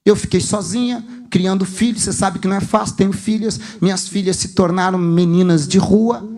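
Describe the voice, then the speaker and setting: Poor old woman, retired grandmother, pleading and indignant, high voice, told by a male preacher. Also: fairly even intonation, brisk, dark tone. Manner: complaining, defensive pleading.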